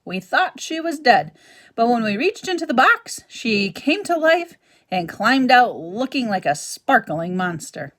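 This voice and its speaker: A woman reading a children's novel aloud, voicing a big, friendly female otter with a bright, chatty delivery. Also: fairly high pitch, big pitch swings, measured pace, pitched above the performer's own voice.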